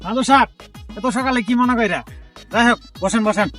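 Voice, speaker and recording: A man's voice: very high-pitched, distant mic, music in the background. A man with a rural Bangladeshi Bengali dialect, playing a defiant goat-owning villager in a comedy skit. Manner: defiant, quick to anger.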